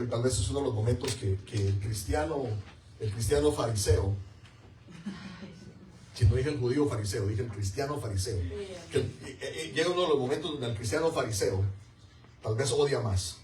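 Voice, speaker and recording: A man preaches with emphasis, circling back to repeat his key words and drawing answers from the room. His voice sits at an ordinary middle pitch and rings around a reverberant church hall, picked up from a distance with a faint hiss underneath. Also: fairly quick, a little mellow. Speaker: pastor. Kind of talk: sermon. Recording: echoey room, mic far off.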